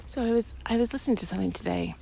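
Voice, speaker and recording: Her voice sits on the high side, creaky and warm, and she talks very fast. This audio roleplay creator plays a loving girlfriend, rambling casually and intimately to a partner on a bike path with giggles, hesitation, and trailing phrases. Behind her come passing vehicles, traffic, and general environmental noise.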